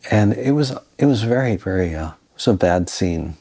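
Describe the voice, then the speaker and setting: A middle-aged man telling his own life story in a reflective, halting way, with restarts. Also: low voice, animated, warm tone, husky. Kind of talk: personal storytelling.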